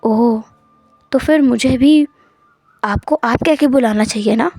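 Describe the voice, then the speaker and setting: A calm, gentle young husband who speaks in a steady, measured way, voiced by a woman who drops her voice a little. Her voice is still fairly high even when lowered, and the recording is dry with faint music behind. He is part of a spoken storybook. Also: no room sound. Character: calm seventeen-year-old husband, gentle alpha.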